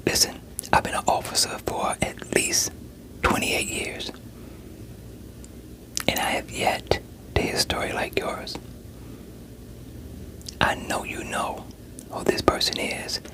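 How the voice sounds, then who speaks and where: In a whispered role-play, a performer plays a seasoned police interrogator who coaxes and leans on a suspect with streetwise scepticism. The delivery is slow, broken by frequent pauses and only lightly acted, on a rough recording. The mood is sceptical and pressing.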